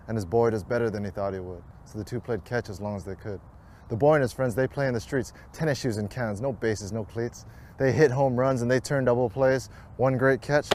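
A man reciting a rhyming ad in a steady, rhythmic cadence, with a lowish voice. Faint street sounds and vehicles sit behind him. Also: a little hiss or hum. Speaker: ad narrator. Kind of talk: rhyming scripted ad narration.

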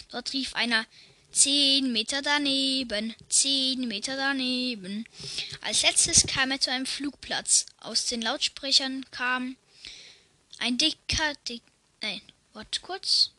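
Giggly high-voiced woman telling jokes. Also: unhurried, sharp tone, no echo. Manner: giggly, laughs at her own jokes; casual slang. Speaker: channel host.

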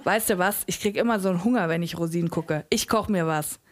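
A woman's voice: fairly low pitch, fairly quick, natural voice. A woman reading aloud voices a brash, lazy woman who grumbles bluntly at the TV. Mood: grumbling.

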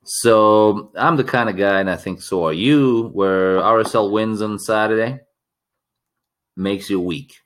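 A man co-hosting a casual podcast chat, telling stories with enthusiasm and still getting back a voice lost from yelling. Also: fairly low pitch, measured pace. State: recovering a lost voice. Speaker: podcast co-host.

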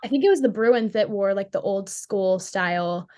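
A woman's voice: medium pitch, moderate pace, darkish tone. Chatty young woman hockey player. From Pittsburgh, US. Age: young adult. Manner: bubbly, chatty, many "like" fillers. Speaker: college hockey player, guest. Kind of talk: casual interview chat.

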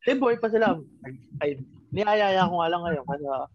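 A man's voice: sits high, expressive, normal speed, no room sound. Rambling young man, dry muffled audio. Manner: rambling with fillers. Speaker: podcast co-host. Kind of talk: casual chat.

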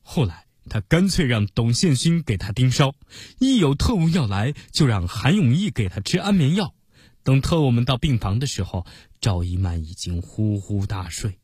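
A man narrating a story for children in an expressive, animated way. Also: medium pitch, moderate pace, breathy edge, dry recording, clean studio sound.

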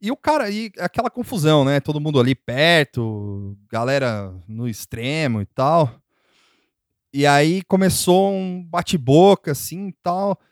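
A man's voice: fairly high pitch, expressive, measured pace, dry recording, studio quality. A man telling a story in a casual chat, rambling with many fillers and frequent laughs.

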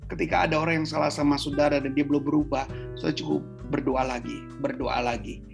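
Man, preacher, sermon, animated delivery, low asides and high bursts, faint guitar underneath. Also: quick pace, gravelly. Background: soft guitar music.

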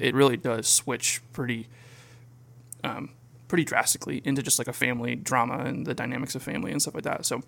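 A male podcast co-host chats in a relaxed, casual way, using lots of filler words and laughing often. His voice is medium-pitched with vocal fry.

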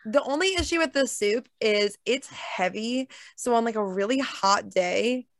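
Chatty higher-voiced young woman. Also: unhurried, no room sound. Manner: chatty, animated, self-correcting. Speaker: podcast co-host. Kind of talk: casual chat.

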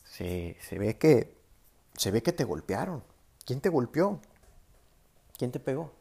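A man's voice: medium pitch, big pitch swings, slow, gravelly, dark tone, breathy edge, exaggerated voice. A man doing an indignant, outspoken neighbor woman. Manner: indignant, blunt, insistent. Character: angry middle-aged neighbor woman, outspoken.

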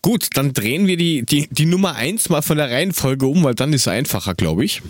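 A man's voice: fairly high pitch, animated, a little fast. A man hosting a sports show, moderating in a casual, chatty way. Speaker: show host.

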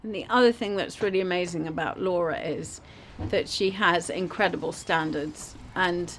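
A woman's voice: on the low side, moderate pace, slight background noise. A woman who is a head chef, talking enthusiastically about her kitchen and its food in a casual conversation.

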